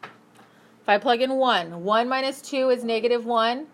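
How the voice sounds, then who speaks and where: A woman teaching a math class, brisk and upbeat, asking her students questions as she works through problems. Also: on the high side. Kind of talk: classroom lesson.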